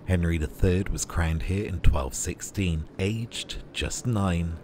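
A low-voiced man delivers scripted tour narration as a guide. His manner is measured and informative, and clear background ambient noise sits behind his words.

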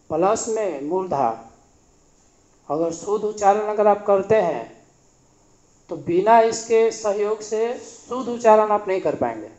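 A man with a high-pitched, darkish voice teaches Hindi grammar classroom-style, patiently repeating sounds and asking the listener to say them back. The recording has an echoey room and a slightly dull sound.

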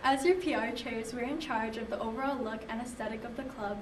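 A woman's voice: fairly high pitch, a little fast, over a noisy crowd. A young woman from Honolulu, a college student, upbeat as she describes club promotions in a promo video interview. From Honolulu, Hawaii. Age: young adult. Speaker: student club public relations chair. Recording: echoey room, distant mic, noise.

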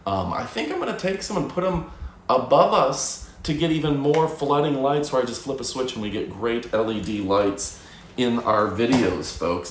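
A man in his thirties hosting a live product review from his home studio, upbeat and salesy, calling his viewers folks. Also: mid-range voice. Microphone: fixed camera, moves around the room. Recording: roomy home studio echo, faint noise.

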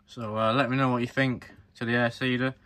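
A man presenting a farm model review channel narrates a hands-on review informally, explaining things straight to viewers. He speaks briskly in a medium-pitched, level, fairly bright voice.

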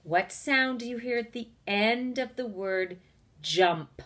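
A woman teacher leading a phonics lesson for young children, speaking slowly with careful enunciation and encouragement. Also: on the high side, fairly bright tone.

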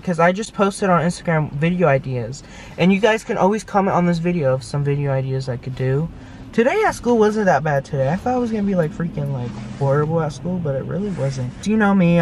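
A woman's voice: fairly low pitch, lively intonation, fast talker, darkish tone, slight background noise. A teenage girl from New York chatting casually while driving, rambling with lots of fillers, recorded on a handheld camera inside a car. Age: teens. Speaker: vlogger. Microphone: handheld compact camera.

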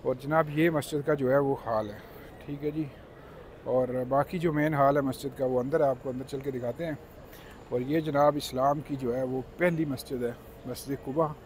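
A man's voice: mid-range voice, steady tone, normal speed, a little mellow, a little hiss or hum. A man in his thirties giving a polite, explanatory guided tour to his viewers in a casual vlog. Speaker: travel vlogger. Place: car, outdoor plaza, then mosque interior.

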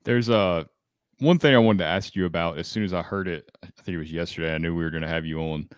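A man co-hosting a podcast, asking a guest a relaxed question over a video call. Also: deep voice, fast talker, dry recording, studio quality. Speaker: podcast co-host. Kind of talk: casual interview question. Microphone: desk mic on video call.

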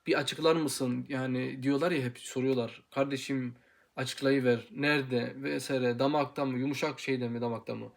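Young male teacher in his twenties, mid-pitched, earnest, hesitant, repeats syllables to drill them. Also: fairly even intonation, gravelly. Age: 20s. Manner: hesitant with many pauses and fillers. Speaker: Quran recitation teacher. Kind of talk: informal video lesson.

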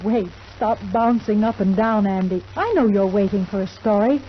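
A woman playing a kindly, motherly fairy who gently chides in a 1940s children's radio play. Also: medium pitch, moderate pace, crowd noise, natural voice. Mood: gently chiding. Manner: gently chiding, indulgent. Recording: muffled 1940s radio with faint hiss.

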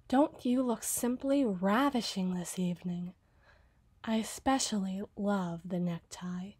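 In a scripted ASMR roleplay monologue, a woman plays a rich young heiress who is possessive, doting and condescending. Her voice is medium-pitched and dark-toned, and she teases haughtily, drawing out her words.

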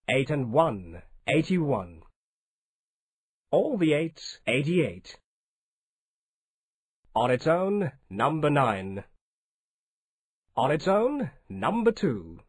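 Slow, deliberate male bingo caller. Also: mid-range voice, breathy edge, no echo, clean studio sound. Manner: clipped, formulaic announcing in short separate phrases. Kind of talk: measured scripted bingo number calling.

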